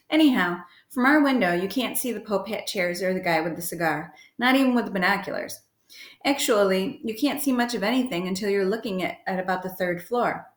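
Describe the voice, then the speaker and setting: A woman's voice: mid-range voice, normal speed, roomy sound. A woman reading the first chapter of a children's novel aloud, giving short voices to the characters. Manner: lively storytelling with brief voices for characters. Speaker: reader.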